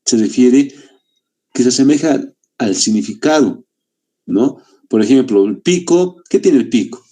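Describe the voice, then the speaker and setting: Mellow-voiced man teaching literature. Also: mid-range voice, lively intonation. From Bolivia. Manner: explains with rhetorical questions and frequent "¿no?"; deliberate, stretches key words slowly. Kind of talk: literature lesson for exam applicants.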